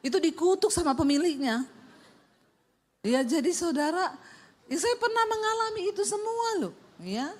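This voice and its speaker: With a very high-pitched voice, a middle-aged woman pastor delivers humorous sermon stories at normal speed, leaving long pauses. She's animated, performing voices and sound effects as she goes.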